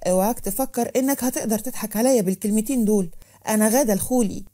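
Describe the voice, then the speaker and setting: A woman voicing a stubborn, proud young woman with an Egyptian Arabic accent, firing back sharp retorts in a raised voice. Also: fairly high pitch, rapid-fire, lightly acted. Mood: defiant.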